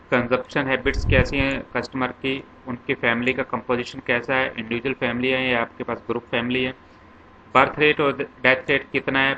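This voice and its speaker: This commerce teacher speaks at a medium pitch with a bright, forceful tone. He lectures methodically, breaking ideas into lists and illustrating them with many examples, on a slightly dull lo-fi recording carrying a little background noise.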